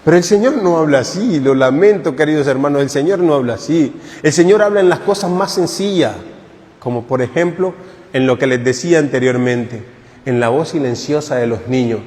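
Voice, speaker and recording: Joking priest preaching in a church. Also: male voice, a little high, brisk, a little mellow, big-room sound. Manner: conversational, joking, asks the congregation questions. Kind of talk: retreat catechesis sermon. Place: parish church.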